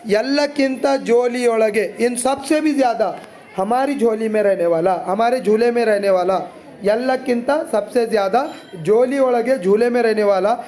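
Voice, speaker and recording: High-voiced man, teaching. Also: moderate pace, darkish tone. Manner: chatty, explains line by line with asides. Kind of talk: explaining a poem to students.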